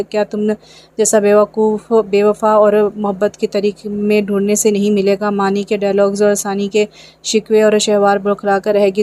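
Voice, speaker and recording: A woman narrating a romance novel aloud, reading every character in the same flat, even voice. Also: mid-range voice.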